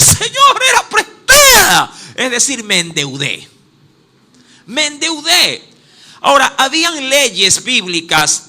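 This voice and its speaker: Man, coastal Ecuadorian accent, pastor, sermon, high-pitched, swooping animated delivery. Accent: Ecuadorian coastal (Guayaquil). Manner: animated preaching, addresses listeners as "mi amado"; acts out exclamations, stops to look up verses.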